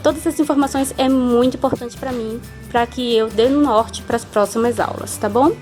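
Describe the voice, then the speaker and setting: A Brazilian woman's fairly high, slightly mellow voice, with fairly even intonation and normal speed, carries a hand-sewing tutorial over faint music. She has a Brazilian Portuguese accent and patiently explains each step while often checking in with the viewer.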